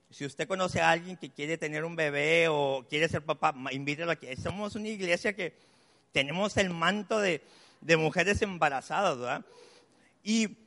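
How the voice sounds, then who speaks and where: A man's voice: sits high, fairly bright tone. A man, preaching a sermon in a chatty, story-telling way from the pulpit of a church. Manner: conversational preaching, chatty asides and personal stories. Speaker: pastor. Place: church hall. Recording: long church-hall reverb.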